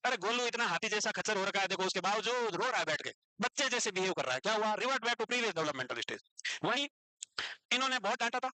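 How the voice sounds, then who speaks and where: A man teaching a class, lively and animated, constantly asking his students rhetorical questions. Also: sits high, no echo, rough recording. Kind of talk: lecture to students.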